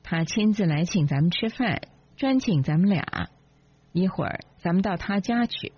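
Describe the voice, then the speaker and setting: 一位女性朗读者演绎一个说话尖刻、满含讥讽、醋意十足的年轻妻子，嗓音略带沙哑。. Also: female voice, on the low side, expressive, normal speed, slightly rough. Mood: sarcastic. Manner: sarcastic, cutting. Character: sharp-tongued jealous young wife. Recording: dull lo-fi, dry.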